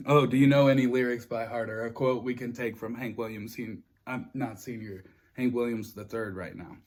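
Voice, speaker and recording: A man's voice: mid-range voice, steady tone, normal speed, darkish tone. A man hosting a mukbang, chatting casually with a friend. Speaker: host of a mukbang food vlog.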